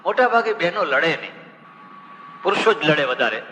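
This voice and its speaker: Bright-voiced monk preaching in an echoey hall. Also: male voice, a little high, expressive, slight background noise. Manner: humorous storytelling with rhetorical questions; chants scriptural verses slowly. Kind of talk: spiritual discourse on scripture. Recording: reverberant hall with faint ambience.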